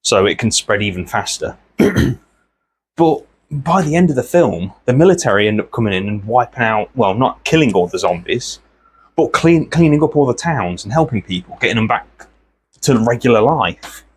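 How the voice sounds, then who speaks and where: A man, host of an art channel, chatting casually and meandering from thought to thought while he works, often clearing his throat. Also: mid-range voice, animated, normal speed.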